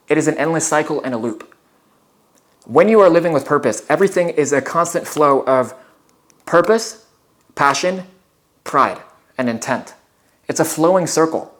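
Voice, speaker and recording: A nineteen-year-old man vlogging from home, his voice sitting a little high. He gives a loose, rambling motivational talk. He keeps addressing his viewers as guys and bro. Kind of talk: casual motivational monologue. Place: at home near the kitchen.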